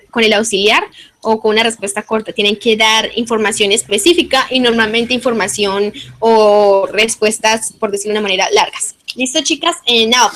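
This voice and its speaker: A woman's voice: a little high, fairly bright tone. A woman teaching an English class, explaining grammar patiently step by step and giving spoken English examples. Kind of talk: online class instruction.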